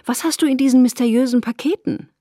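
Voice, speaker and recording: A woman reading aloud voices a lively, bossy young woman with a creaky, husky voice. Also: medium pitch, moderate pace, dry recording, studio quality, full character voice. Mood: brisk.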